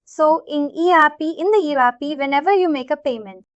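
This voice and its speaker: A woman with an Indian accent leads an informal live software tutorial, repeating her explanations and checking that listeners are keeping up. She speaks briskly in a high voice. The audio is dull, with no echo.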